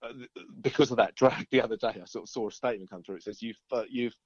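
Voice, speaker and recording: A middle-aged British musician chats casually in an interview, rambling through stories and chuckling often. His mid-range voice moves fast, with no echo but lo-fi sound quality.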